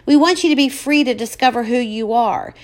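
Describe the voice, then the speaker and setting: A woman's voice: a little high, fairly quick, voice pushed up, natural voice. A woman voicing a bitter, challenging middle-aged father in an audiobook. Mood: reproachful. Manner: reproachful, bitter.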